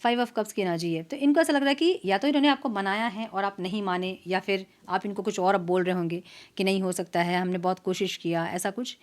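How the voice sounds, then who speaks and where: Woman doing a tarot reading, chatty and casual, drops english words into her talk, mid-pitched voice. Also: brisk. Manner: chatty, mixes English words into Hindi, frequent "so" and "theek hai". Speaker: tarot reader.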